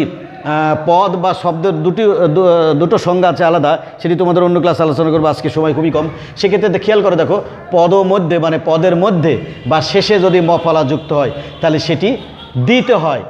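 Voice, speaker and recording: A man's voice: on the high side, brisk, darkish tone, in a large hall, muffled recording. A man teaching an online grammar lesson, explaining step by step and repeating key words. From Bangladesh.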